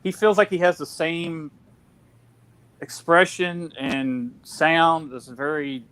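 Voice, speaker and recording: A man's voice: fairly high pitch, steady tone, slow pace, a bit bright, clear, resonant tone. A man hosting a casual film discussion, chatty with lots of fillers and restarts. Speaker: podcast host.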